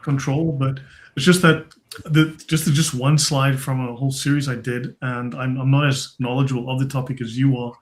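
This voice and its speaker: Man, host, mid pitch, modest, summarizing, conversational. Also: little pitch movement, normal speed. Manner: modest, summarizing, asks for agreement. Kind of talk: conversational discussion.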